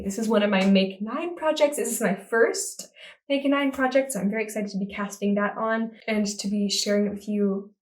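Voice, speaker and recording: Enthusiastic woman podcast host, mid-pitched, roomy sound from a few feet off the mic. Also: darkish tone, distant mic. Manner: enthusiastic, rambling with many fillers and restarts. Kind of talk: casual chat to camera.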